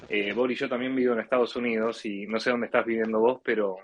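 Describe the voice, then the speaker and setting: An Argentine man with a matching accent calls into a live audio discussion about politics, speaking casually and often hesitating or rephrasing. His mid-range voice is fairly even in intonation and he talks fast. The close, dry online chat mic yields dull, lo-fi audio.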